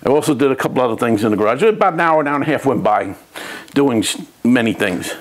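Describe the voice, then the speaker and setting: A man's voice: mid-range voice, lively intonation, quick pace. A man from New City, venting in a rambling, frustrated vlog about his hobby, with many restarts. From New York City. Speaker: RC hobby vlogger. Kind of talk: ranting vlog to camera.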